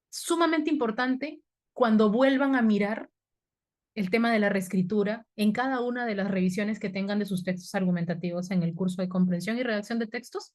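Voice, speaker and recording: Woman teacher, higher voice, quizzing students. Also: darkish tone. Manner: explains step by step, asks the class questions. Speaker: university writing teacher. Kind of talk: online lecture to students. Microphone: webinar computer mic.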